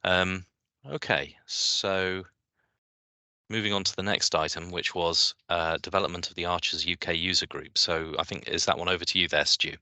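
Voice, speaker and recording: A man chairing an online meeting, moving through the agenda with hesitant pauses and fillers. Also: low voice, steady tone, pushed and bright, dry recording. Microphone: video call.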